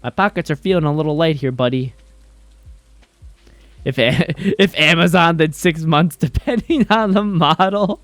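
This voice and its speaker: A male streamer telling stories in casual chat while gaming, animated and swearing freely. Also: a little high, normal speed, no room sound.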